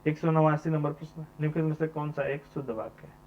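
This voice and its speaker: A man's voice: on the high side, little pitch movement, quick pace. Man teaching, repeating each question. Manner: repeats each question number, asks and answers himself. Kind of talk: exam answer walkthrough. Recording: dull lo-fi sound with mains hum.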